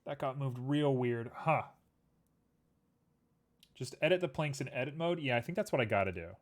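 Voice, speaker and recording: A young man works on a 3D model during a live stream, chatting in a meandering, easygoing way. His mid-range voice is expressive and moves at a moderate pace as he addresses his audience and the on-screen objects alike.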